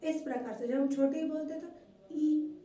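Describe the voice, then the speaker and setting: A woman's voice: sits high, fast talker, warm tone. A woman teaching a primary school language class in a recorded video lesson. She is patient and repetitive, asks the pupils questions and answers them herself, and calls them "beta". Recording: echoey room, voice far from the mic, faint hum.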